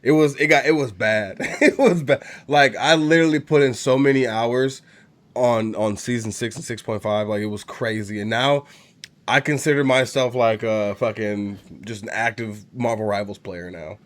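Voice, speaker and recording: A man's voice: mid-range voice, moderate pace. Young man, congested from a cold, casual rant, profane, rambling, heated. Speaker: gaming channel host.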